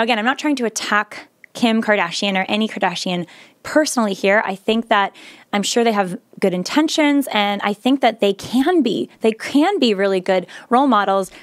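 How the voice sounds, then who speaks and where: A woman's voice: medium pitch, dry recording, clean studio sound. A woman speaking earnestly, now and then restarting with fillers. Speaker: speaker sharing her views. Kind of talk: earnest monologue.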